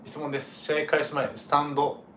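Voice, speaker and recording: A man who is a former baseball pitcher hosts a relaxed livestream, chatting casually, reading viewer comments and laughing often. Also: fairly quick, roomy sound, a little hiss or hum.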